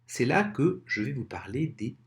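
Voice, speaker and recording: A man's voice: medium pitch, moderate pace. A man giving an informal explainer talk to camera, speaking conversationally and addressing viewers directly. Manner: lively, expressive intonation. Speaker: online presenter.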